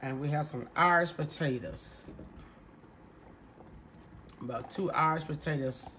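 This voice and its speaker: A congested man narrating a casual cooking video from his home kitchen, relaxed and chatty, talking to viewers as y'all. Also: on the high side, measured pace, slight background noise. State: congested, coughing. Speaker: home cook.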